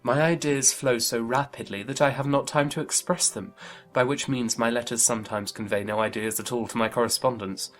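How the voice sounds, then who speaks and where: An actor playing an amiable, impulsive young gentleman with exclamatory, formal speech in a period audiobook drama. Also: medium pitch, brisk, soft background music, lightly acted. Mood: good-humoured. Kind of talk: dramatised classic novel audiobook.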